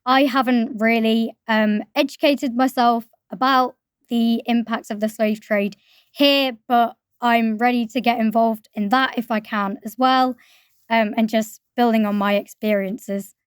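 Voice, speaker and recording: A woman's voice: fairly high pitch, steady tone, unhurried, clear, resonant tone, dry recording, studio quality. A young woman guest speaking hesitantly in an interview. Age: young adult. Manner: hesitant, with fillers.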